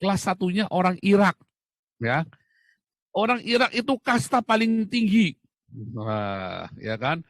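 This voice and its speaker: A man's voice: high voice, big pitch swings, unhurried, pauses often, a bit bright, no echo. A man from Indonesia in a casual monologue, chatty and rhetorical, laughing at his own jokes. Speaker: host.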